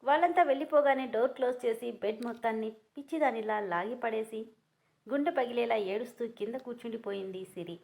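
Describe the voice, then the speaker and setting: A woman storyteller reading an emotional family drama aloud, with steady, emotive narration. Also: on the high side, brisk, creaky.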